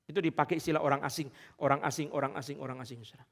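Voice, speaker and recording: A man's voice: mid-range voice, fairly even intonation, racing, fairly bright tone. A male pastor preaching a sermon, emphatic and repeatedly addressing the congregation. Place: large church hall. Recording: long church hall reverb.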